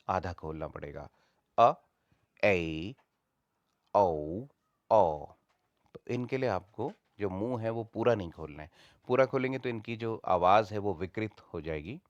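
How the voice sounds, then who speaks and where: A man's voice: on the low side, a bit bright, no echo, lo-fi sound. A man teaching a lesson, patiently repeating each point in several ways. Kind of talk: explanatory lesson.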